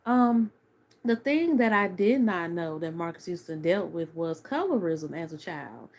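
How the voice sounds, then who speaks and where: Her pitch sits fairly low, and she sounds animated while keeping a measured pace. The woman, in her thirties, delivers casual on-camera commentary as a video review: talkative, earnest, opinionated, and peppered with "like" and "you know."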